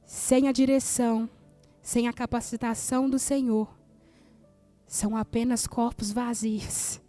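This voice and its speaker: High-voiced woman pastor, Brazilian accent. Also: little pitch movement, unhurried, warm tone, soft background music. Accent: Brazilian Portuguese. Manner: emphatic, repeats key phrases for effect. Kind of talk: sermon.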